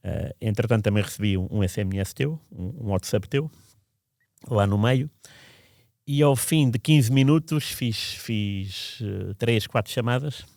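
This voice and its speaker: Low-voiced man. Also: a little slow, vocal fry, darkish tone, no echo, clean studio sound. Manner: reflective, meandering, frequent restarts. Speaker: podcast storyteller. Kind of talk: casual spoken recollection.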